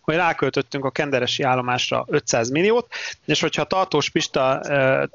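Brief: emphatic man with a gravelly edge, dry lo-fi mic. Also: mid-range voice, fairly bright tone, no room sound. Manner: interrupts and argues emphatically, many restarts. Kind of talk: casual panel discussion.

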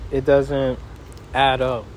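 Slow, folksy man podcasting from a noisy backyard. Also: medium pitch, little pitch movement. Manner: folksy, rambling talk with pauses mid-thought. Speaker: podcast host. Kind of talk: casual solo podcast update. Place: outdoors in a backyard. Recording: noisy outdoor backyard, wind and ambience.

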